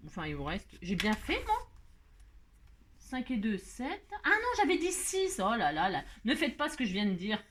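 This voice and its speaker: A woman's voice: mid-range voice, huge pitch swings, normal speed, fairly bright tone, slight background noise. A woman hosting a casual craft tutorial, chatty and scatterbrained, laughing at herself as she works. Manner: sings playfully while working.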